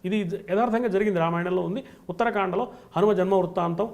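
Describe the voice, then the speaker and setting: Give me a man giving a devotional discourse, high-pitched and gravelly, building points in rhythmic lists. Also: quick pace, a little mellow, muffled recording. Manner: emphatic, rhythmic lists of qualities. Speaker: spiritual scholar guest.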